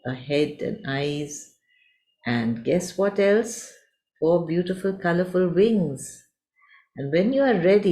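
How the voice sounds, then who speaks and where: A woman voicing a kind, wise butterfly in a storybook tale, speaking in a gentle, soothing, patient way. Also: fairly low pitch. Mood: reassuring.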